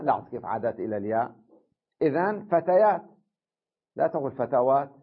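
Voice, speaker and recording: A man teaches a classroom grammar lesson in a husky, slightly breathy voice. He explains step by step and keeps checking that his students follow. The recording is dull and lo-fi. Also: a little high. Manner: explains step by step, asks the class "tamam?" often.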